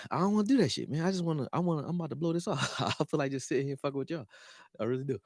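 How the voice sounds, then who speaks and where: A man's voice: racing, no echo, clean studio sound. Loose, profane Philly man talking football. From Philadelphia, raised; born in Texas. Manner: loose and profane, swings between excited and low mumbling. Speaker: sports talk host. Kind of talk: casual live-stream sports talk.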